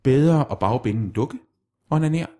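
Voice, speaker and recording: A man playing a self-styled sexologist in a comedy chat, deadpan and hesitant, stumbling over repeated words. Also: medium pitch. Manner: hesitant, halting with many restarts.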